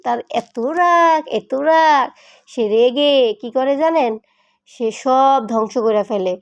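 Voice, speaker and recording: A middle-aged woman with a colloquial Bangladeshi Bengali accent, chatting in a home vlog while cooking in her kitchen and playfully scolding and coaxing her cats. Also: high-pitched. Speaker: pet vlogger.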